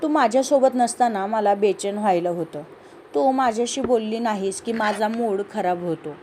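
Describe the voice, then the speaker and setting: A woman voicing a devoted young man in love, speaking softly and earnestly. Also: medium pitch, normal speed, a little hiss or hum, natural voice.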